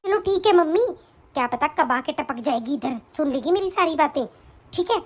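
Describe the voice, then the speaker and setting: A woman plays a spoiled young wife in a cartoon story who whines and talks back. Her voice sits very high and she complains without letup. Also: animated, a little fast. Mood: defiant. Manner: whiny, complaining, defiant. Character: spoiled quarrelsome young married daughter. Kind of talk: animated story voice acting.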